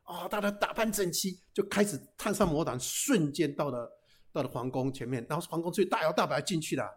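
A man telling a folk tale aloud in a lively, chatty way, with frequent hesitations and restarts. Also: on the high side, a little fast, slightly rough. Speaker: storyteller.

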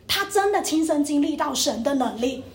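High-voiced woman preaching in an echoey room. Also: animated, moderate pace. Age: young adult. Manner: emotional storytelling, acting out quotes. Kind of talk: testimony sermon.

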